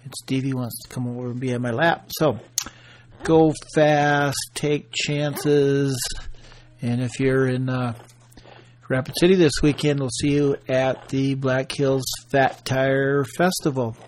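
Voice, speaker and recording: A man hosting a podcast, chatty and relaxed in a casual interview. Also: mid-range voice, unhurried, a little hiss or hum. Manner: relaxed, chatty, laughs often. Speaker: podcast host.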